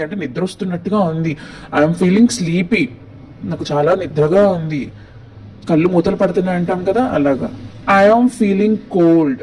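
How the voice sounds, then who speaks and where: A man with a Telugu accent teaching spoken English, saying each phrase slowly and clearly, then explaining quickly in Telugu. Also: high voice, darkish tone, low-quality recording. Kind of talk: language lesson, slow model phrases with translations.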